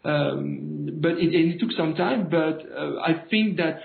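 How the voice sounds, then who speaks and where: A man from France with a French accent, a native French speaker, speaking haltingly and searching for words as an interview guest. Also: fairly high pitch, vocal fry. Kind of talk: conversational political interview. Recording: phone-like, thin, echoey line.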